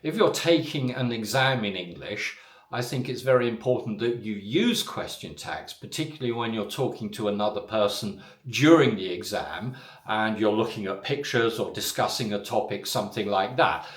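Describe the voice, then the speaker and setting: A man teaching a spoken English lesson, talking deliberately with exaggerated rising and falling intonation and frequent "uh" and "so" fillers. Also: on the low side, lively intonation, reverberant.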